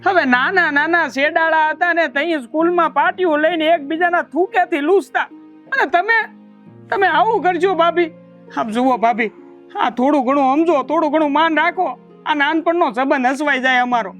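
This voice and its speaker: A performer playing a lovesick young village brother-in-law, pleading and whiny. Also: male voice, very high voice, normal speed, fairly bright tone, soft background music.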